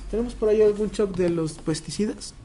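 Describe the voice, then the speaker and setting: A man's voice: high voice, fast talker, dark tone, soft background music. A man demonstrating a machine to clients, explaining step by step with frequent hesitant fillers and restarts.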